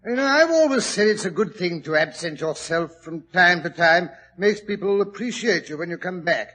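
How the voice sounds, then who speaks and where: A man playing Doctor Watson, a genial British gentleman telling a detective story on a 1940s radio drama. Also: sits high, animated, moderate pace, heavily acted. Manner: chatty, chuckling, mildly pompous British gentleman. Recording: old radio broadcast recording.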